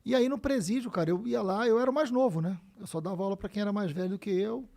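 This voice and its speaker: A man in his fifties with a Rio de Janeiro accent, a guest telling stories in a casual podcast chat, animated and swearing freely. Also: high voice, fast talker, vocal fry. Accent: Rio de Janeiro Portuguese. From Brazil. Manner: animated, swears freely, acts out quoted dialogue.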